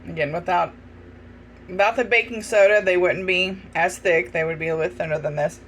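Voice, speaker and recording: A man's voice: sits high, fairly quick, a little hiss or hum. A man chatting casually to his viewers while he tastes his baking, sometimes talking with his mouth full. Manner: relaxed, talks while chewing. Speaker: home cooking vlogger.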